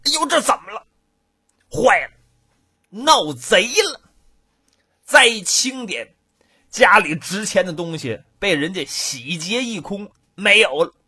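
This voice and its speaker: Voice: medium pitch, expressive, unhurried, long pauses, sharp tone, slightly rough. A performer telling a traditional comic folk tale, switching between narration and character voices.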